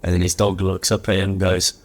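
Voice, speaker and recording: A man's voice: low voice, completely flat delivery, fast talker. A man, hosting a podcast and telling playful, swearing pun jokes in casual chat.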